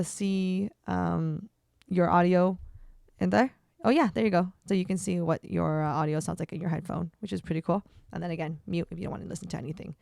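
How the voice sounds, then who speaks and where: A woman's voice: mid-range voice, vocal fry, no room sound, clean studio sound. A young woman, a streamer, chatting through a casual product review with lots of fillers and an upbeat manner. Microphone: desk microphone.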